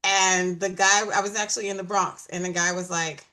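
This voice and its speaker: Bright, animated Brooklyn woman. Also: lowish voice, a little fast. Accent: Brooklyn New York. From Brooklyn, New York. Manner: animated storyteller, laughing. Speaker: panelist. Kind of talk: casual panel chat.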